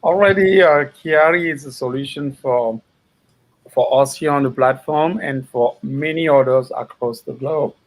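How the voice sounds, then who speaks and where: A man's voice: a little high, measured pace, poor audio. A man from Cameroon promoting a company on a panel, emphatic and repetitive. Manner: emphatic, repeating phrases.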